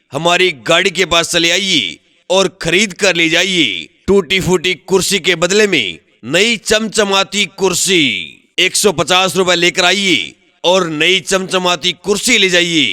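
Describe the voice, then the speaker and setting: High, bright, slow hawker's sales call. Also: male voice, dry recording. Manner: sing-song hawker's call with repeated slogans. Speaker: street vendor announcer. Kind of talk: recorded loudspeaker sales pitch.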